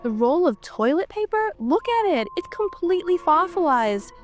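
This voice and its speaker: Stuffy-nosed from a cold, this woman vlogs her walk through an abandoned house, narrating chattily and frequently gasping in wonder. She has a very high-pitched voice with big pitch swings and a moderate pace. Faint music sits behind her.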